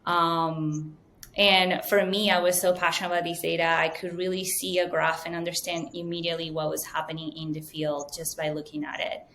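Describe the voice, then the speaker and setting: Woman, low voice, earnest. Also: level tone, normal speed, a bit bright, a little hiss or hum. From Venezuela. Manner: fluent, earnest, many ums. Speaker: guest, data science manager. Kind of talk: interview answers.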